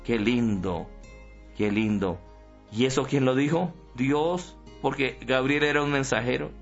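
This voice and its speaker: A man's voice: medium pitch, measured pace, gravelly. A man who is a priest, giving a broadcast sermon and explaining scripture in a homely, conversational way, often asking his listeners questions. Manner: asks the listeners frequent rhetorical questions. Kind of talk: broadcast sermon and Bible teaching. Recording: dull lo-fi broadcast with faint music behind.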